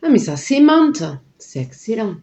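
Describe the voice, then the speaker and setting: A woman's voice: a little high, very animated, measured pace, warm tone, highs cut off. A woman chatting casually and delightedly through a sponsored unboxing, full of little filler words. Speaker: vlogger unboxing a product.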